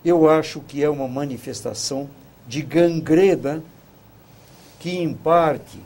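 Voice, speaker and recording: Husky, mellow-voiced man in a debate. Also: on the high side, takes it slowly. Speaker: guest commentator. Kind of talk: debate on a talk show.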